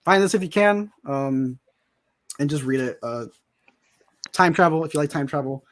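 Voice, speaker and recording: A man chatting casually as a podcast guest, excitable and rambling, with many restarts. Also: a little high, normal speed. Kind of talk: casual chat.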